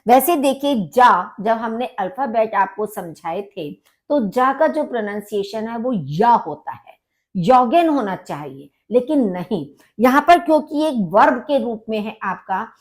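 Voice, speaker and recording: A woman teaching a vocabulary lesson. She says each word slowly twice and then explains it. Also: a little high, expressive. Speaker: language teacher.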